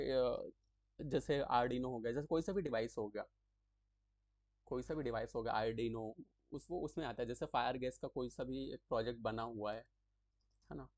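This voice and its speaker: A man giving a casual tutorial, explaining acronyms in a chatty way, often repeating terms slowly and checking in with the listener as he writes them out. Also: medium pitch, darkish tone, dry recording.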